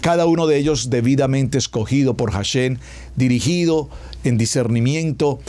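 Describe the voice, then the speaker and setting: A male pastor delivers a radio sermon in an emphatic, deliberate way. He piles up phrases in lists and draws out the words he wants to stress. His voice sits at an ordinary male pitch. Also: darkish tone.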